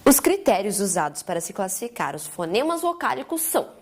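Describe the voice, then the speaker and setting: Woman, reads grammar definitions, animated pitch, textbook tone. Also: fairly quick. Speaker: co-narrator. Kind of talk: scripted grammar lesson narration.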